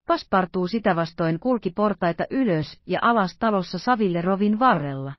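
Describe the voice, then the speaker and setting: A woman narrating a classic novel as an audiobook in a steady, measured reading. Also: medium pitch, dry recording, dull audio.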